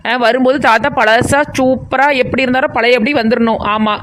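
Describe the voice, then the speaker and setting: A woman's voice: on the high side, fairly even intonation, brisk, fairly bright tone, close to an everyday voice. A woman voicing a chatty, nosy village woman in a cartoon comedy, with a southern Tamil Nadu accent. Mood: chattering. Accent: southern Tamil Nadu (Kanyakumari–Tirunelveli). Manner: rambling, teasing, talks nonstop.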